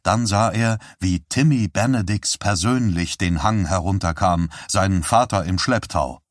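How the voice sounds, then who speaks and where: A man narrating an audiobook in a calm, measured way. His voice sits low, and the recording is close and dry with no room sound. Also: no echo. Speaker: audiobook reader. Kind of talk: scripted narration.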